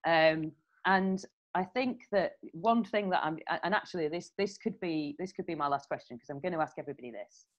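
Low-voiced chatty woman host. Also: brisk. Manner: chatty, storytelling, laughs often. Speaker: podcast host. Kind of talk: casual interview chat. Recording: slightly dull lo-fi sound.

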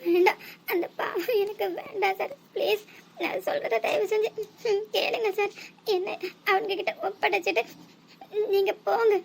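Woman voicing a scared young cartoon girl, crying, soft and very high, begging. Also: fairly even intonation, normal speed, vocal fry, a little hiss or hum. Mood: tearful pleading. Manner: soft, pleading. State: tearful. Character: frightened young village woman pleading for help.

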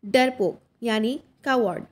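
Woman reading out vocab lists, kinda high voice, very slow and steady. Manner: reads word lists, term then its meaning, evenly. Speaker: vocabulary teacher.

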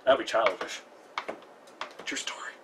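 A young man hosting a live cooking stream in his home kitchen, chatty and self-mocking with jokey asides. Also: a little slow. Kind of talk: casual live cooking demo. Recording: distant mic, noisy kitchen.

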